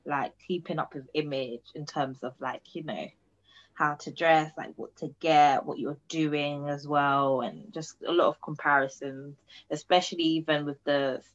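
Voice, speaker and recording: A woman's voice: low voice, steady tone, moderate pace, muffled recording. A woman in her early twenties with a London accent, hosting a casual chat in informal, slangy speech. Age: early 20s. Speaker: podcast host.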